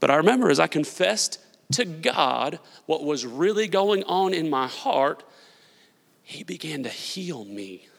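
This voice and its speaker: A male pastor preaching a sermon. He swings between loud, emphatic preaching and hushed, confessional storytelling. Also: a little high, big pitch swings, a little slow, gravelly. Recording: long hall reverb.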